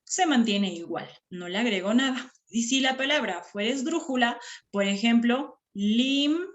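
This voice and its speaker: A woman's voice: fairly high pitch, normal speed, muffled recording. A woman teacher giving a classroom lesson, patiently counting syllables aloud and checking in with students after each point. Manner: patient, checks understanding with frequent "¿ya?". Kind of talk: classroom lesson on poetry metre.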